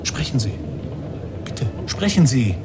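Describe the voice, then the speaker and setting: Hypnotic preacher-like emcee, incantatory, slow, wide-ranging voice, radio play, loud music. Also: male voice, medium pitch, very animated. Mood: exalted. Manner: incantatory, swinging from hushed to exultant. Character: ecstatic male master of ceremonies, hypnotic and preaching.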